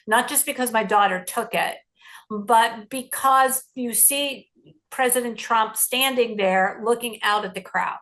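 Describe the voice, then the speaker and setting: A middle-aged woman journalist recounting a story in an interview, lively and acting out the lines she quotes. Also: medium pitch.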